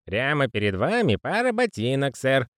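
A male reader voicing a fussy, pious old postman who speaks in a raspy, wheezy whisper and keeps saying sir. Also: medium pitch, wildly swooping pitch, moderate pace, fairly bright tone, no room sound, clean studio sound, pitched above the performer's own voice. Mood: fussy, earnest. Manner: deferential, says sir constantly. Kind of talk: audiobook character voicing.

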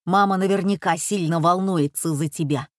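Van, a woman reading a low hushed urgent man. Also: moderate pace, dry recording, studio quality, close to an everyday voice. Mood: steady firm. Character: Van, adult man, tense, commanding. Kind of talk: audiobook character voice.

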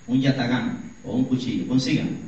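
A preacher acting out a menacing young tyrant. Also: male voice, medium pitch, steady tone, normal speed, darkish tone, pitched below the performer's own voice, close to an everyday voice. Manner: menacing, contemptuous. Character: young male tyrant threatening a pastor. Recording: echoey church hall, distant dull mic.

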